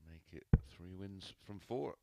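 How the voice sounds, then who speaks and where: A man's voice: low-pitched, measured pace, creaky, warm tone, dry recording. A man giving live darts commentary, describing play and players' statistics.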